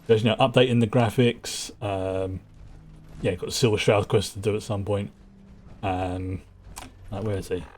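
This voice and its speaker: A man's voice: lowish voice, fairly even intonation, normal speed, pauses often, a little mellow. A man giving casual, chatty game commentary, thinking aloud as he plays. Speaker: gamer, host of a playthrough.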